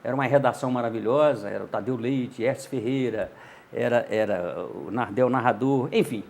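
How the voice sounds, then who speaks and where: This husky older guest, a journalist and radio narrator from Montes Claros in Minas Gerais, Brazil, has a mid-range voice and talks fairly quickly in Minas Gerais Brazilian Portuguese. During a relaxed storytelling interview he animatedly spins anecdotes and performs the dialogue in voices.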